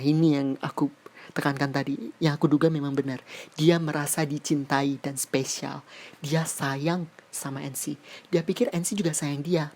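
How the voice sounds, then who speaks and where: A woman's voice: low voice, a little mellow. A woman commentating on a story from chat screenshots, reacting with indignant exclamations and mild swearing. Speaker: YouTube commentator.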